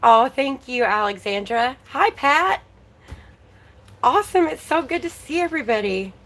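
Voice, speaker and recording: A chatty woman hosting a relaxed livestream, talking along and greeting viewers by name. Her voice is a little worn, as if she is losing it. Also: sits high, measured pace, poor audio. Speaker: livestream host. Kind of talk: casual livestream chat.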